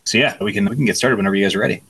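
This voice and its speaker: A man running a tabletop role-playing game as game master, explaining the setting and reading a mission brief in a relaxed way. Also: on the low side, very fast, vocal fry, slightly rough.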